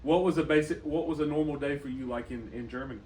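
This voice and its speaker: A man interviewing someone, asking gentle, conversational questions. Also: fairly high pitch, fast. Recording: roomy echo, distant mic, faint noise.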